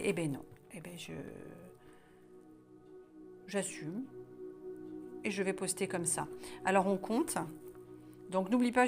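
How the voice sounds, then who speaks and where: A woman leading a guided wellness exercise in a casual, chatty way, often hesitating and restarting her sentences. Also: medium pitch.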